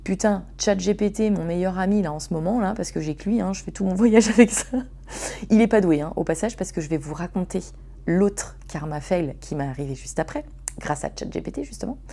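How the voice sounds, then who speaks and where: A woman hosting a casual storytelling podcast, slangy, swearing and animated as she talks to her listeners. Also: on the low side, brisk, vocal fry. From France. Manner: slangy and swearing, addresses listeners as "les gars". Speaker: podcast host.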